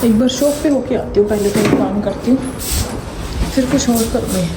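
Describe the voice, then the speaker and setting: A young woman, a mother, vlogging casually around her home, chatting and venting, and slipping into high sing-song baby talk with her daughter. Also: moderate pace, very noisy. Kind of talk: casual daily vlog.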